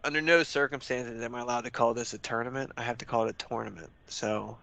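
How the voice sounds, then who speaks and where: A man's voice: medium pitch, steady tone, fast, creaky, bright, forceful tone, dry recording. A man giving casual live sports commentary, with joking banter and frequent chuckles.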